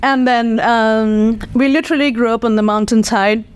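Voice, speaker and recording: A woman's voice: a little high, steady tone, normal speed, a little hiss or hum. A young woman from Nepal with a Nepali accent, whose first language is not English, answering interview questions earnestly with many fillers. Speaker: nonprofit executive director.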